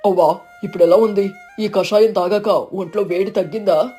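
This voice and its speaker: A woman voicing a kind, firm young village husband who speaks quickly and reassuringly, in a storybook. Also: medium pitch, steady tone, warm tone, soft background music, lightly acted. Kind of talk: storybook narration.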